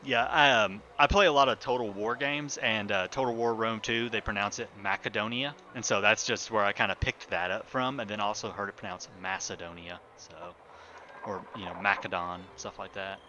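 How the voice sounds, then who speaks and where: A man's voice: lowish voice, brisk, highs cut off, a little hiss or hum. A man streaming a building game live, chatting casually to himself and his viewers as he builds. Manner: relaxed, talks to himself while building, chats with viewers.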